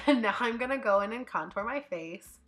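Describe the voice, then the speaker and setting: Stuffed up from a cold, a woman talks through her makeup tutorial at a normal pace in a slightly high, expressive voice. Her casual, upbeat chatter is full of fillers as she thinks out loud, with faint background music behind her.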